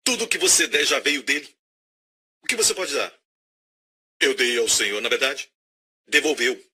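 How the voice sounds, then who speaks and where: Bright, husky preacher. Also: male voice, medium pitch, moderate pace. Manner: animated, questioning the audience and acting out scenes. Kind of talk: sermon.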